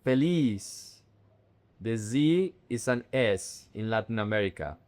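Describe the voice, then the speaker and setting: A man teaching Spanish vocabulary, saying each word slowly and repeating it with clear stress on the syllables. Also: mid-range voice, animated, a little mellow. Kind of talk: slow, careful language lesson.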